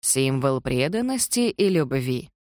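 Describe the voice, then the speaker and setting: An audiobook reader voicing a shrewd, blunt great-aunt in her nineties or older, in a slow, deliberate delivery. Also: mid-range voice, very animated, a little mellow, dry recording, studio quality. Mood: pointed. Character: sharp-eyed elderly great-aunt, blunt.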